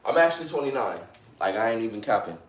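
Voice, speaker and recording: A man's voice: medium pitch, big pitch swings, quick pace. A man in his twenties live-streaming from home, chatting casually with his viewers between sets of push-ups in an upbeat, hyped, slangy, motivational way. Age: 20s. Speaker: livestreamer. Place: at home during a workout.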